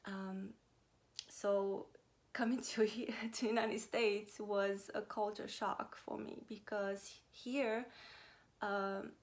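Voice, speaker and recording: A woman in her thirties, originally from Romania, talking to her viewers in a casual personal vlog, pausing often with fillers. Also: medium pitch, level tone. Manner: hesitant, many pauses and fillers. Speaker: vlogger. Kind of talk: casual personal talk to camera.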